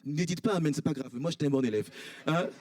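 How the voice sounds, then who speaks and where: A man in his thirties, a pastor with an Ivorian French accent, preaching a sermon. He swings from high, emphatic cries to low, quiet asides. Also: fast, no echo, studio quality. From Ivory Coast. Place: church.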